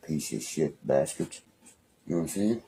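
A very animated, creaky bass voice with a dark tone, at normal speed and with slight background noise, belongs to a young West Virginian man. He's livestreaming a profane rant from a small home room on his phone, angry, rambling, threatening and swearing heavily.

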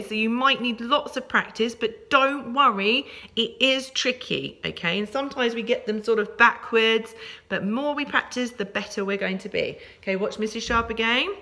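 Bright, upbeat teacher woman. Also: fairly high pitch. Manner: upbeat, encouraging, sing-song. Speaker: primary school teacher. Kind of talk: home-learning phonics lesson.

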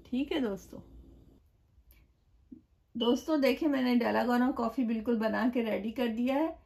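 A woman hosting her own cooking channel, explaining a recipe step by step in a gentle, chatty way, with blessings and greetings to her viewers. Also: a little high, moderate pace, gravelly. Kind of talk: home cooking tutorial voice-over. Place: home kitchen.

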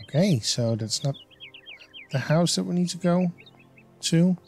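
A man's voice: fairly high pitch, lively intonation, measured pace, creaky, darkish tone, soft background music. A man giving casual, enthusiastic commentary while playing a video game, thinking aloud as he goes. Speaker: let's play host.

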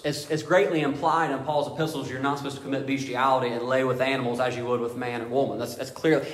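Emphatic preacher in an echoey hall. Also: male voice, medium pitch. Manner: emphatic preaching with repeated rhetorical questions. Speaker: pastor. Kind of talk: sermon. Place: church sanctuary.

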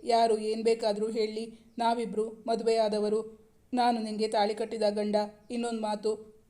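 Woman reading as a young husband teasing his wife, playful, very flat even tone. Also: mid-range voice, natural voice.

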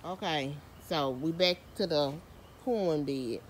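A woman's voice: deep voice, takes it slowly, slight background noise. A woman giving a chatty, self-mocking garden tour outdoors, filming on a handheld phone. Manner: chatty, self-mocking, uses Southern US slang. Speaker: home gardener and vlogger. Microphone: handheld phone camera.

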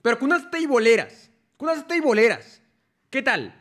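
A young man with a Mexican accent hosts a loose livestream and reads viewer stories aloud. His voice sits high and his talk is packed with slang and casual swearing. He laughs often between lines. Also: sing-song, normal speed, a bit bright. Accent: Mexican Spanish. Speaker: streamer.

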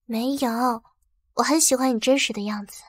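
An actress playing a patient young wife who coaxes and gently scolds her husband. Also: a little high, steady tone, moderate pace, no room sound, close to an everyday voice. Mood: tender. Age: young adult. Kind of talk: short romantic drama acting.

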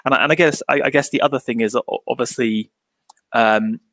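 A man talks through an idea about art in a casual discussion, hesitating, stammering, repeating words and leaning on fillers. His gravelly, creaky voice is medium-pitched, steady and fairly bright, a little fast, in a dry recording with little room sound.

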